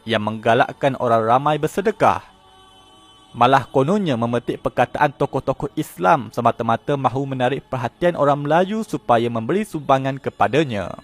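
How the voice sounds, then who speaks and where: A man delivers a scripted news report in a steady, even tone. His voice sits at a middle pitch, and faint music plays beneath it. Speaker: narrator.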